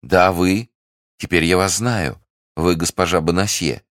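A man voicing a scheming, manipulative French noblewoman who fakes warmth, talking in a feverish, insistent way. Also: sits low, fairly even intonation, unhurried, no room sound, clean studio sound, voice pushed up. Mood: probing.

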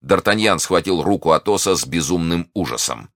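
A man narrates a classic novel in a dramatic audiobook reading. His voice is very deep and expressive. The sound is dry and close. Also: fairly quick, no echo.

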